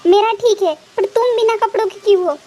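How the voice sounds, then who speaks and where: A woman's voice: very high-pitched, brisk, mellow, voice pushed up. A woman voicing a confused, flustered young man demanding answers in a storytelling fan fiction. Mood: indignant. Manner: raised, indignant questioning.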